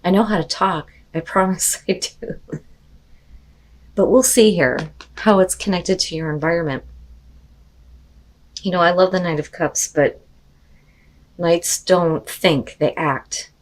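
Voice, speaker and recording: A woman gives a casual tarot card reading, her voice slightly hoarse from losing it, chatty and full of "you know" and "like." She speaks in a lowish voice at a slow pace, pausing often.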